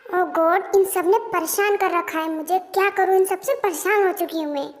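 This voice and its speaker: A woman doing a short-tempered young female boss, high voice. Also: fairly even intonation, moderate pace. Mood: ranting. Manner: scolding, ranting. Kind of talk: Hindi fan-dub audio story.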